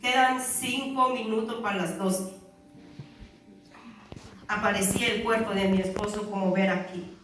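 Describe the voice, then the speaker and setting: A woman's voice: mid-range voice, steady tone, unhurried, long pauses, fairly bright tone, a little hiss or hum. A woman earnestly giving a religious testimony to a congregation, calling her listeners brother and sister. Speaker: church member giving testimony. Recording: very echoey hall, far from mic, faint music.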